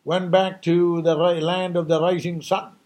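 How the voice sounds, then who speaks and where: An emphatic, preachy man with a fairly high voice, delivering an impassioned New Year monologue. He hammers his points home and keeps throwing out rhetorical questions. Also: flat delivery, unhurried, a little mellow. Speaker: speaker giving a New Year message.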